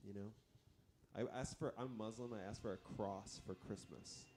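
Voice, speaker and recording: A man in his thirties hosting a casual movie watch-along podcast, rambling and joking, quick to laugh. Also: lowish voice, steady tone, a little mellow, slight background noise. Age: 30s. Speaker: podcast host. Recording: music playing under the talk.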